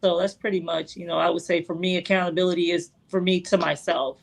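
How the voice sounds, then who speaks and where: A woman's voice: fairly low pitch, steady tone, fast talker, vocal fry, rough recording. Reflective woman in her late forties. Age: 40s. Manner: reflective, many "you know" fillers. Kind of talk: casual podcast conversation.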